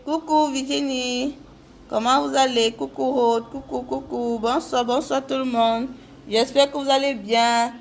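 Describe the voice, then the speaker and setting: A woman's voice: high-pitched, steady tone, a little slow, gravelly, a little hiss or hum. Chatty woman doing a live makeup tutorial. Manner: chatty, greets viewers by name.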